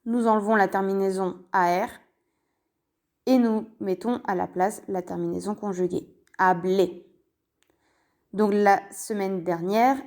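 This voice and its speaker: Slow, careful woman teaching a lesson. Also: mid-range voice. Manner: slow, careful, spells out endings and repeats key forms. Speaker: Spanish teacher. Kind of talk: language lesson explained in French.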